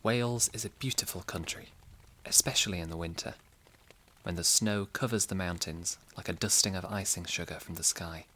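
Deep-voiced man narrating a sleep story. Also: a little hiss or hum, low-quality recording. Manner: slow, soft, soothing delivery.

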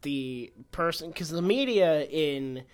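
Slightly high young man, playfully opinionated. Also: expressive, takes it slowly, clear, resonant tone. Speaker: podcast co-host. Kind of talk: casual chat.

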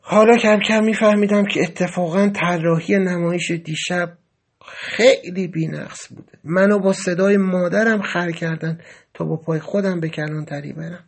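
A man's voice: sits high, fairly even intonation, creaky. A man narrating a first-person dramatic story in a vivid, emotional telling. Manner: dramatic, rising to agitated outbursts in quoted speech.

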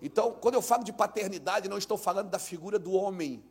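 A male senior pastor preaching a sermon, swinging from calm teaching into shouted, sung cadences. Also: high-pitched, fast talker, vocal fry, husky, faint music behind.

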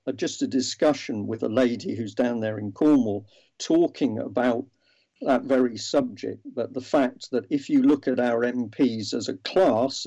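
A man's voice: mid-range voice, dark tone. A man, a guest in an interview, explaining earnestly with many ums and restarts. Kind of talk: interview over a remote line. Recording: dull lo-fi audio.

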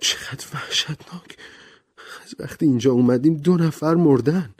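A man's voice: on the low side, a little mellow, breathy edge. A man voicing a tense, uneasy young woman who speaks in short, brief phrases.

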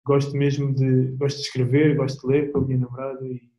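A man's voice: medium pitch, fast talker. Laid-back European Portuguese man, echoey. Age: young adult. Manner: relaxed, slangy, rambling with restarts. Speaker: guest athlete. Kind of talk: casual interview chat.

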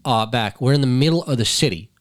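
A man's voice: medium pitch, fast talker. An American man bantering and telling stories casually as a podcast host, insistent and swearing a lot.

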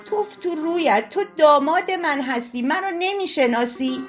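A woman voicing an old working-class woman who wails, curses and pleads in a shrill voice. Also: faint music behind, lightly acted. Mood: indignant.

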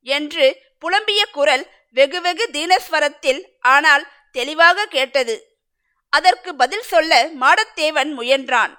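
A woman reading a story aloud in a measured, dramatic narrating manner. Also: sits high, lively intonation, sharp tone.

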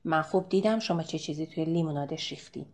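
A man's voice: fairly high pitch, lightly acted. A woman reading as a petty bald man. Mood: accusing. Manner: accusing, petty. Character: small bald nagging man at a bar.

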